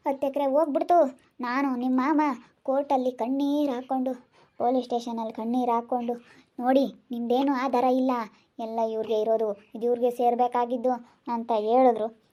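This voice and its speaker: A woman's voice: high voice, steady tone, moderate pace, long pauses, dark tone, natural voice. A woman, acting a worried village wife who consoles a relative with resigned rhetorical questions. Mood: grieving. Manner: soothing yet resigned, repeats rhetorical questions. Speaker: actor in a village family drama. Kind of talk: amateur family drama acting.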